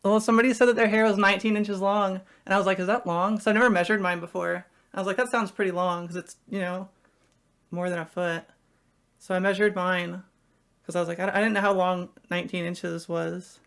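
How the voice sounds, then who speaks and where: A woman's voice: medium pitch, flat delivery, fairly quick. A young woman live-streaming from home, rambling chattily to her viewers while she fiddles with something. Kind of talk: casual live-stream chat.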